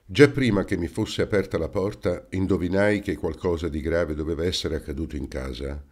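A man narrating an audiobook in the first person, in a measured, dramatic reading. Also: low voice, fairly even intonation, darkish tone. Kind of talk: scripted narration.

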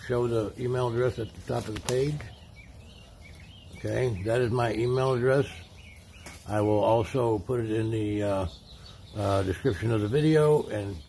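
A man's voice: mid-range voice, fairly even intonation, normal speed, pauses often, warm tone. A man hosting a casual home giveaway vlog, chatting from behind the camera outdoors. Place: outdoors at a driveway table. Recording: outdoor noise with birdsong.

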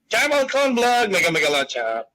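A man chatting casually on a livestream, joking and giving shoutouts to viewers. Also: sits high, huge pitch swings, normal speed, rough recording.

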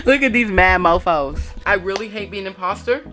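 A woman of medium pitch chats casually while playing a game, joking around with dramatic, playful outbursts. Game music plays clearly behind her voice. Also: moderate pace. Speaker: gaming YouTuber. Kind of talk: casual gameplay chatter.

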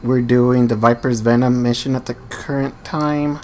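A man's voice: mid-range voice, fairly even intonation, normal speed, darkish tone, a little hiss or hum. A man hosting his own gaming channel, giving casual play-by-play commentary, slightly nervous and stumbling, grumbling and muttering at the enemies he fights. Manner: self-deprecating, a bit nervous and stumbling. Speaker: gamer channel host.

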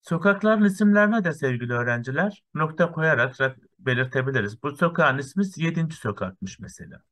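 Patient male teacher counting slowly. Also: a little high, expressive, a bit bright. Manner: counts through lists step by step, often saying "sevgili öğrenciler". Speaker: primary school teacher. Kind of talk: slow, patient lesson for young children.

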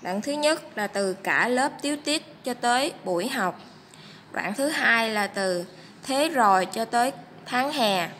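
Bright-voiced woman teacher reading slowly. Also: a little high, expressive, a little hiss or hum. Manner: slow, clear, syllable-by-syllable teaching delivery. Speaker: primary school teacher. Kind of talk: reading lesson for first graders.

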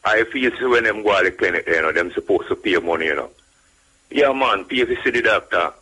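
A Jamaican man speaks as a casual radio caller. His voice is low, rough and forceful, and he makes his points emphatically, repeating himself with frequent tag phrases. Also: animated, a little fast, poor audio. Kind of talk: casual call-in talk.

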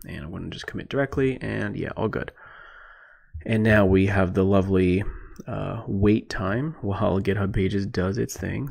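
Low gravelly man teaching at a screen. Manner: relaxed, thinking aloud with many fillers. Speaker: programming instructor. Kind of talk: casual screencast tutorial. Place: indoors at a computer, voice-over on screen recording.

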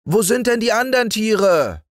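A man voicing a demanding, greedy little boy who shouts insistently for more. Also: lively intonation, moderate pace, no room sound, studio quality. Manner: shrill and insistent.

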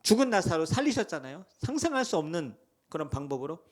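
A male pastor preaching a Sunday sermon with passion, asking the congregation questions and swinging between hushed lows and loud cries. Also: very animated, quick pace. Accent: Seoul Korean.

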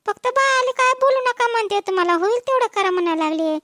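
A woman's voice: extremely high pitch, animated, fast, pushed and bright, dry recording, studio quality, full character voice. Woman voicing a stern village farm owner. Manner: complaining, lecturing. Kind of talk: dubbed cartoon voice.

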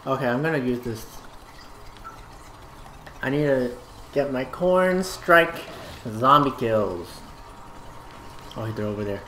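A woman with a strikingly deep voice chats playfully while playing a co-op game, now and then making little sound effects. She is recorded at home in a noticeably echoey room. A faint hiss sits under her. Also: expressive, slow, long pauses, a bit bright. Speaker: co-op gameplay player. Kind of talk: casual gameplay chat.

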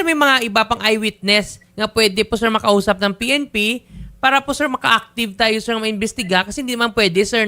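A man's voice: sits high, sharp tone, clean tone. A man hosting a public-service interview show, pressing his callers firmly but politely. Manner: firm, pressing questions, polite "sir" and "po". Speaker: host.

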